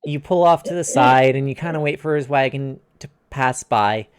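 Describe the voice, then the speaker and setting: A game master narrating a tabletop game, pausing on fillers as he calls for dice rolls. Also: medium pitch, clear, resonant tone.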